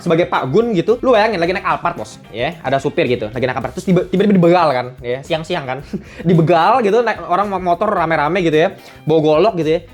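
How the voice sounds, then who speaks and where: A young woman talks through her review of a series at a rapid clip. She sounds blunt and animated, heavy on slang, and swears now and then. Faint music sits low behind her voice. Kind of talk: casual spoken review.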